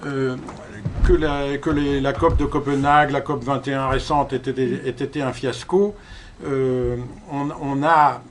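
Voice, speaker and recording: A man around seventy, a conference speaker answering audience questions, halting and repeating his words. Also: mid-range voice, fairly even intonation, slight background noise.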